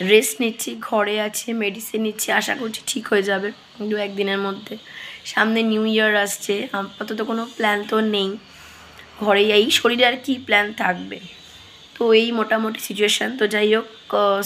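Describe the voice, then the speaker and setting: Hoarse woman, flat voice, chatty kitchen vlog, bit of hiss. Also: medium pitch, low-quality recording. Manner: chatty, explains as she cooks. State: hoarse, straining to speak. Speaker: vlogger. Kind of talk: casual daily vlog narration. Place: home kitchen.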